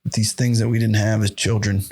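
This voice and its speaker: A young man hosting a podcast, reacting to videos in a loose, excitable, profanity-heavy way and laughing often into his podcast mic. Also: lowish voice, fairly quick, a little hiss or hum. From United States. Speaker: podcast host. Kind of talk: casual reaction commentary.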